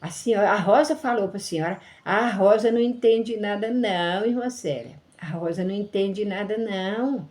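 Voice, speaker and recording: A woman's voice: medium pitch, moderate pace, few pauses, a little mellow, natural voice. A woman voicing an elderly church treasurer who brushes off a worry, repeating herself in a pleading, dismissive way.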